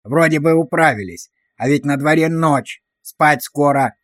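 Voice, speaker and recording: A man's voice: fairly high pitch, a little slow, a bit bright, dry recording, studio quality. A man voicing a harsh, abusive drill sergeant who barks orders and insults at recruits. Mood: barking.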